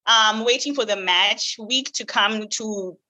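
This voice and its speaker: A young woman, a guest on an interview, answering in an upbeat, measured way with frequent ums. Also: mid-range voice, sharp tone, poor audio. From Zimbabwe. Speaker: guest, new resident doctor. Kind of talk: casual interview.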